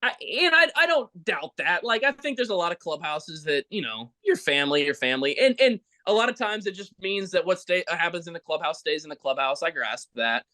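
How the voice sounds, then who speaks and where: A man hosts a podcast in a relaxed chat. His voice sits a little high and comes across bright and forceful. He speaks with earnest, heartfelt warmth toward his guest. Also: a little fast, hardly any pauses. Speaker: podcast host.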